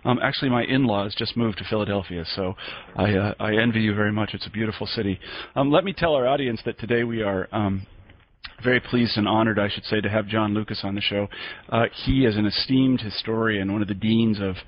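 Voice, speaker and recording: A man's voice: on the low side, fairly quick, dry recording, dull audio. A man hosting a radio interview, polite and hesitant, with many ums.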